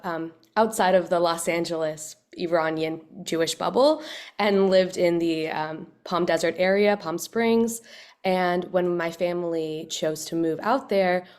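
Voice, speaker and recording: Lower-voiced young woman telling her story. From Southern California. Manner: warm, personal storytelling with light humor. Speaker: rabbinical student panelist. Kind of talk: panel talk.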